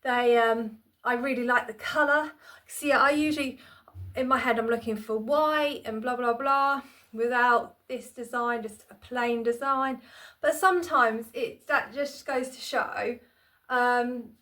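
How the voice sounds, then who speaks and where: A woman's voice: high-pitched, a little slow, a bit bright. A woman chatting casually to her phone camera in a small room at home, rambling and self-deprecating, with plenty of "um"s and restarts. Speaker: vlogger. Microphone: phone camera on tripod.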